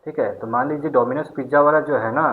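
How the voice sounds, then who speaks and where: A man's voice: medium pitch, fast. A man teaching an accountancy class, often checking in with his students and asking and answering his own questions. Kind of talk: online class lecture. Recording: tinny phone-like sound.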